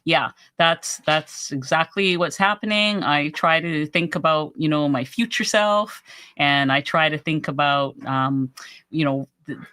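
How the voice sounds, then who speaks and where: Bright, forceful woman hosting a live stream. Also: deep voice, unhurried. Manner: encouraging, with frequent restarts and repeated words. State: losing her voice. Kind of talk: casual live-stream chat, reading viewer comments.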